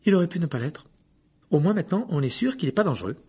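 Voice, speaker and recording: A man voicing an excitable teenage boy who yells in high-pitched alarm, in a storybook reading. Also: fast, breathy edge, heavily acted. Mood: reassuring.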